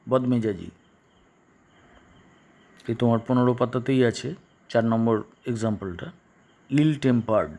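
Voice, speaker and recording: Male teacher, slow and halting. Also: mid-range voice, darkish tone. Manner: slow, halting, repeats and translates each phrase. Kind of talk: class lesson explaining English in Bengali.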